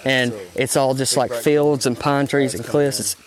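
A man's voice: mid-range voice, steady tone, unhurried, crowd noise. A man with an Appalachian Kentucky accent chatting casually and giving directions in a rambling, folksy way outdoors. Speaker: local guide. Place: outdoors on wooded hills.

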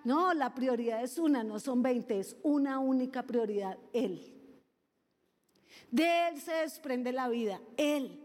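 A woman preaching a sermon, animated and playful, with lively asides and mimicry. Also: high-pitched, slow, long reverb tail.

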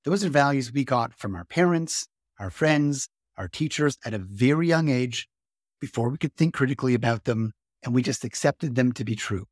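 Male podcast host, mid-pitched, earnest and explanatory, dry close recording. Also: no room sound. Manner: earnest, explanatory, steady delivery. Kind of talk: lecture-style podcast talk.

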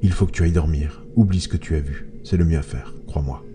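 A man narrating a story voices the father, quiet and calm. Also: extremely low pitch, fast talker, noisy background.

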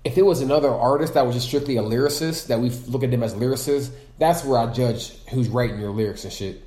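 Blunt, animated man in an echoey room. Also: mid-range voice, quick pace. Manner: animated, blunt, swearing freely. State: sore throat. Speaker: podcast co-host. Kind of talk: casual chat.

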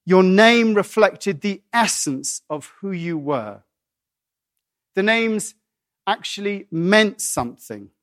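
A middle-aged man from England giving a conversational sermon, full of asides and restarts. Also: sits high. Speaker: pastor.

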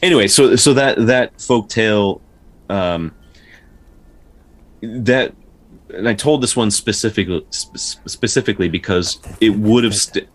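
A male podcast co-host with a very low voice discusses folktales in a casual but studious, explanatory way. His delivery is halting, full of repeated words and stutters.

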